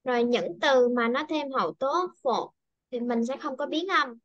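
Woman, teacher, high voice, dry close sound, video call, patient word-by-word modeling. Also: fairly bright tone, no room sound, dull audio. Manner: patient, models words slowly and clearly. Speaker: English pronunciation teacher. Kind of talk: online class teaching.

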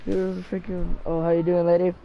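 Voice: medium pitch, completely flat delivery, brisk, lo-fi sound. A gamer giving casual commentary over their own gameplay, chatty and talking back to the characters on screen. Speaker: gamer narrating own play.

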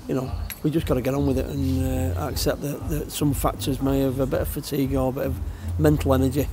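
An older man, a football manager, giving a post-match interview in an empty outdoor stadium stand, halting and repeating his words. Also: medium pitch, flat delivery, over music.

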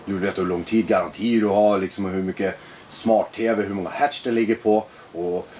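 A man being interviewed as a guest, talking in a blunt, animated, profane way. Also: fairly low pitch, a little hiss or hum. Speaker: guest, former extremist. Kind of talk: personal interview conversation.

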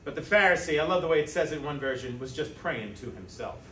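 A man preaching a sermon as pastor, talking conversationally to the congregation with rhetorical asides and quick check-ins. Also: a little high, animated, a bit bright, slight background noise. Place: church sanctuary. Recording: echoey church sanctuary from a distance.

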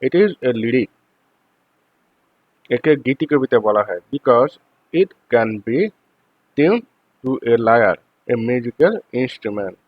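A man with a Bangladeshi accent giving a lecture, reading English phrases slowly and then explaining them more quickly. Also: medium pitch, no echo. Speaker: teacher. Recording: dull lo-fi dry recording.

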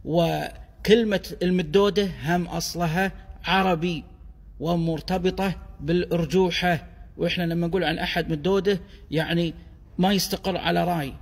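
Man, Kuwaiti Gulf Arabic accent, higher-pitched with a husky edge, explaining deliberately in a long echo. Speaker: explainer of dialect words. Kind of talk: explanatory monologue on word origins.

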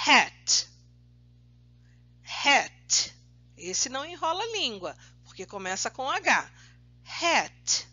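Woman teacher for a kids' lesson, very slow and lively in pitch, slightly dull lo-fi recording. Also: dry recording. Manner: slow, drawn-out drilling of words, praising often. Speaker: primary school English teacher. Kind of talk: recorded remote English lesson for children.

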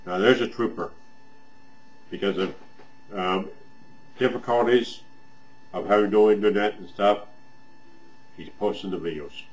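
A man's voice: fairly low pitch, a little slow, long pauses, rough recording. A man talking with a pipe in his mouth, giving a rambling, friendly weekly review of other people's videos and repeating himself. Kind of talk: casual weekly review vlog.

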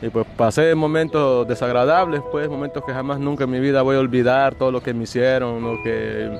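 A man's voice: mid-range voice, fairly even intonation. Young man, hesitant and filler-heavy, outdoor interview, music under it. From Honduras. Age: young adult. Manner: halting, full of "pues" fillers. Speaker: migrant interviewee. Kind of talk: casual testimony. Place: outdoors on a city street. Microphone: lapel mic held out by interviewer.

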